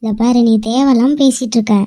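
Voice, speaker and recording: A woman's voice: a little high, fairly even intonation, fairly quick, mellow, no echo, clean studio sound, natural voice. A woman voicing a stubborn young wife standing up for her family in an amateur cartoon. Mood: defiant. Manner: firm, defiant.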